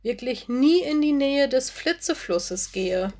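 A woman doing Lenny, a steady earnest bear cub. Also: high voice, slow, pitched above the performer's own voice, heavily acted. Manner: earnest, level-headed.

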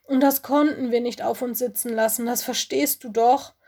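A woman's voice: on the high side, moderate pace, darkish tone. A woman voicing a young male ice wolf, usually cocky, now stammering and sobbing as he pleads. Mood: tearful pleading.

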